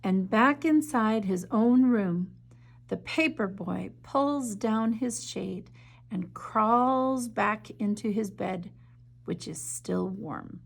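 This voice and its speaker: A woman teacher reading a picture book aloud in a gentle, measured way, then chatting enthusiastically about its illustrations. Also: medium pitch, lively intonation, vocal fry. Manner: gentle, measured reading with soft drops in volume; enthusiastic, chatty when discussing the art. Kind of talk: slow storybook read-aloud, then art discussion.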